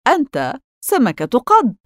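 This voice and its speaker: A woman's voice: mid-range voice, very animated, measured pace, dry recording, studio quality. A woman voicing a cocky, mischievous young boy who loves games, with a cheeky, boastful way of talking in a storybook reading. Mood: mocking.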